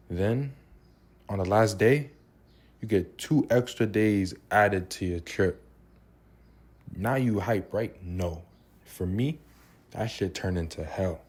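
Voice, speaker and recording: Here a young vlogger from New York spins a slangy, profane story in an easygoing casual vlog. His voice sits on the low side with a darkish color.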